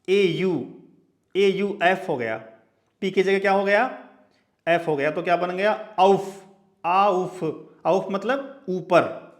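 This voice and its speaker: Male teacher, high voice, slow deliberate delivery, spells words letter by letter, lecture style. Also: fairly bright tone. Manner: spells out example words letter by letter, frequent checking asides. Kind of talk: classroom lecture.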